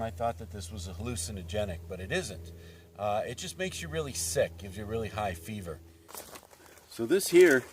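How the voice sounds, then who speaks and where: Guy w a lowish voice talking plants while hiking outside, chill trail vlog vibe. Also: darkish tone, a little hiss or hum. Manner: chatty, explains plants as he walks. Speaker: hiking vlogger. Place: outdoors on a canyon hiking trail.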